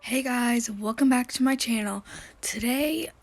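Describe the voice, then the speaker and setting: A woman's voice: fairly high pitch, unhurried, loud music behind the voice. A young woman with a slightly cracky voice, giving a casual, hesitant, rambling commentary as she hosts a game tour. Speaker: video host.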